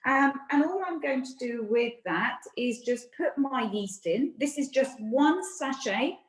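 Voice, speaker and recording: A woman's voice: high-pitched, lively intonation, measured pace, roomy sound, poor audio. A British woman chef and nutritionist giving a friendly, chatty cookery demonstration from her home kitchen, explaining each step.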